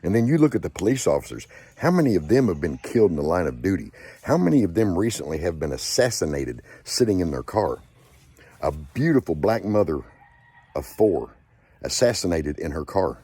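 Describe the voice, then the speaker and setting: Angry low-voiced man ranting. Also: very animated, a little fast, warm tone, husky, dry recording. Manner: angry, profane, repetitive ranting. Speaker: channel host. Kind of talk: angry rant to camera.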